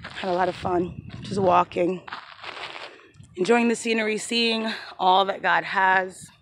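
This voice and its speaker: A woman's voice: mid-range voice, steady tone, a little slow, fairly bright tone, slight background noise. A woman in her thirties vlogging on a phone held at arm's length while walking uphill on an outdoor park trail, reflective and devout, close to tears and a little out of breath. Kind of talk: casual walking vlog.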